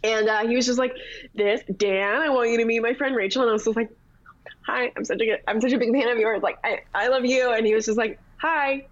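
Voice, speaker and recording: A Canadian woman in her thirties, a TV sports reporter, guesting on a casual chat show and telling animated stories with quick laughs. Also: fairly high pitch, dull audio.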